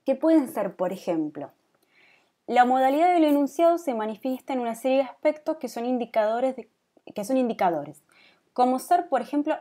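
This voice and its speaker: A woman in her thirties, a teacher with a Rioplatense Spanish accent, lectures a design class in a slightly high, warm voice. She checks in with her students often by asking "¿sí?".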